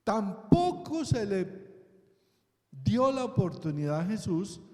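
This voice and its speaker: A man preaches slowly in a big echoing church hall, his high voice rising and falling with lively swings. He keeps asking the congregation questions and checking in with them again and again. His tone stays dark and mellow. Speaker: pastor. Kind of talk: sermon.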